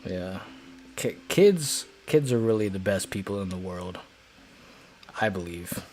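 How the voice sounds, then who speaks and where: Lowish guy hosting a live stream, joking around, bit of hiss. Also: lively intonation, a little slow, a little mellow. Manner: rambling, joking, self-deprecating. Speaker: livestream host. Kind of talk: casual chat.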